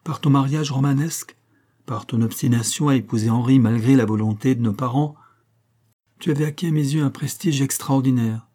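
A man's voice: medium pitch, fairly quick, dark tone, lightly acted. A man voicing a prim, unmarried schoolteacher aunt who confides an old secret with earnest feeling, in a read-aloud story. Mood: impassioned confiding.

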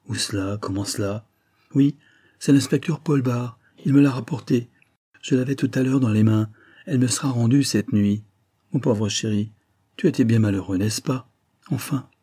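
Un homme qui fait la voix d'une comtesse aristocrate, anxieuse et émue, dans un livre audio lu. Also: male voice, medium pitch, dark tone, slightly rough, lightly acted. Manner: pleading, emotional. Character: anxious aristocratic countess, emotional.

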